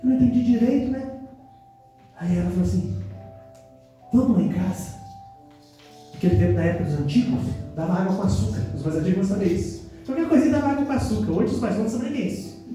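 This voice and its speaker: A man's voice: high voice, animated, fast talker, pauses often, mellow, faint music behind. A Brazilian man preaching a sermon, exhorting the congregation in bursts and telling a personal story. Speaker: pastor. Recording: echoey church hall, mic from a distance.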